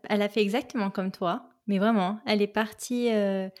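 A woman's voice: mid-range voice, steady tone, moderate pace. A woman hosting a podcast, asking questions in a friendly, chatty way. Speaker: podcast host interviewer. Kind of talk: casual interview conversation.

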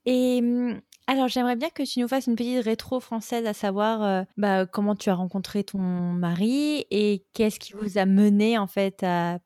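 A woman's voice: mid-range voice, fairly even intonation, moderate pace, hardly any pauses, dark tone, no echo, studio quality. Woman hosting a casual podcast interview. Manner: friendly, informal questioning. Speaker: podcast host.

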